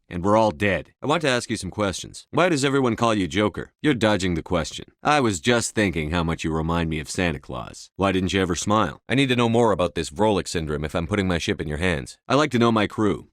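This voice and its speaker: An actor voicing a resolute, stern starship commander in a video game, with a firm, controlled, commanding delivery. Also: male voice, sits low. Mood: brisk, commanding, then probing, measured.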